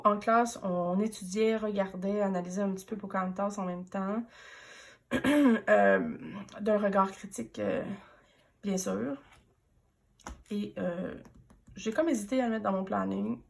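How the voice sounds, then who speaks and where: A woman in her thirties with a Quebec French accent chats casually through a planner flip-through, relaxed and full of hesitations. Her voice is still slightly off from a recent throat infection, and she talks at an average pitch. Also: creaky. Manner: chatty and relaxed, many hesitations. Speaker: teacher and planner vlogger.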